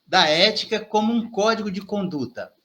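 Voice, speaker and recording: A man's voice: high voice, normal speed, pushed and bright. A man hosting an interview, asking questions in a friendly, somewhat hesitant way. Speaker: host.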